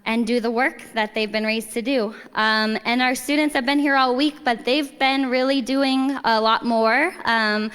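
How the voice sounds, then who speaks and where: A woman, a training coordinator, speaks at a ceremony in an unhurried way with frequent ums. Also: a little high, steady tone, fairly bright tone, clear, resonant tone. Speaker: client services training coordinator. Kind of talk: ceremony speech. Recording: long hall reverb.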